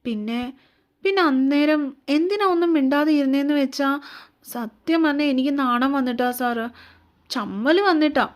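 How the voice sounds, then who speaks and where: A woman voicing a timid young woman who pleads in halting, broken words through tears, in a romance audio story. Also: high voice, voice pushed up, close to an everyday voice. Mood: tearful pleading. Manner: halting, broken, sobbing pleas.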